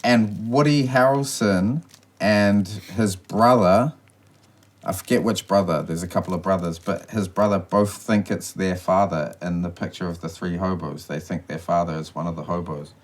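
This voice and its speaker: Kiwi bloke with a real low voice, rambling stories over a beer, swears a lot. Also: male voice, steady tone, moderate pace. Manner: rambling storyteller, swears freely, drinking beer. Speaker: podcast co-host. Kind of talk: casual chat.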